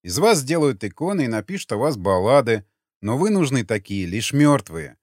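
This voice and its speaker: Male audiobook narrator, dramatic, lively pitch, dry close studio sound. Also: normal speed, no room sound. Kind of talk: scripted narration.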